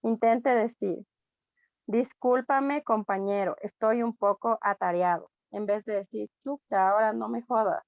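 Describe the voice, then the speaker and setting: A woman with an Ecuadorian accent, a student reading a text aloud in class, steady with small slips. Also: mid-range voice, measured pace, gravelly, no echo, phone-quality sound. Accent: Ecuadorian Spanish.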